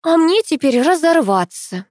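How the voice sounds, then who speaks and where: A woman's voice: high voice, big pitch swings, a little slow, darkish tone, no room sound, clean studio sound, pitched above the performer's own voice. Woman doing a fussy kindly housekeeper. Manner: fussing, affectionate, folksy.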